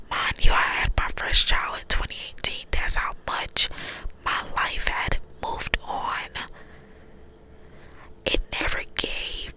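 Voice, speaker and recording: A woman's voice: pushed and bright, poor audio. A young woman from Texas whispering an ASMR storytime through cupped hands close to the mic, sometimes repeating phrases over and over. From small town in Texas, United States. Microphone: close ASMR mic, hands cupped around it.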